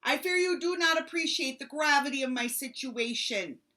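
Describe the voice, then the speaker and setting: A woman voicing a sick, grumpy, dramatic male bear in a storybook, with a stuffy, rasping voice and a whiny, self-pitying manner. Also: high-pitched, normal speed, sharp tone, voice pushed up. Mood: grumbling. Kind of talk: storybook read-aloud.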